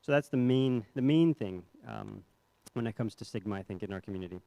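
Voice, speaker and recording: A man's voice: fairly low pitch, brisk, creaky, mellow. Chatty man giving a conference talk. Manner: conversational, self-deprecating, many fillers and restarts. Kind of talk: conference presentation. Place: hotel ballroom.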